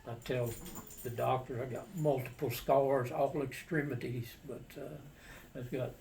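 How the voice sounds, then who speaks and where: Older guy reminiscing, halting n matter of fact, pretty monotone, faint noise behind him. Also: mid-range voice, creaky. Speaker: war veteran recounting his service. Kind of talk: casual personal storytelling. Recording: distant mic with faint background noise.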